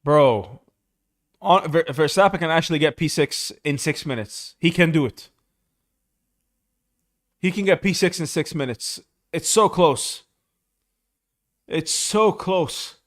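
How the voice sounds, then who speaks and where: A young man streaming live, giving casual, excitable commentary on a motor race and saying "bro" a lot. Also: fairly high pitch, unhurried, long pauses.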